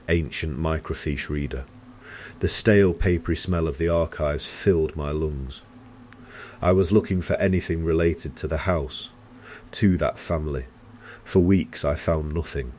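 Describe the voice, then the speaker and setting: A man with an extremely deep voice narrates a scripted horror story. He tells it slowly and gravely, like a storyteller. A faint ambient hum sits behind him. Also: darkish tone.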